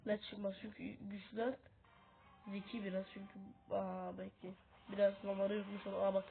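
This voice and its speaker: Though sick, this gaming video host chats easily while playing a mobile game and teaching it, frequently addressing her audience as friends. She speaks at a medium pitch into a tablet's built-in mic, and the result sounds thin and lo-fi with a slight hiss.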